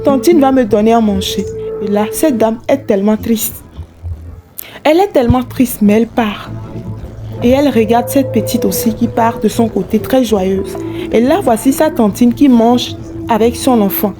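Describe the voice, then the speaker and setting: A woman narrates a moral folk tale, turning often to address her audience. Her voice sits slightly high in pitch. Music plays clearly underneath. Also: moderate pace. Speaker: storyteller.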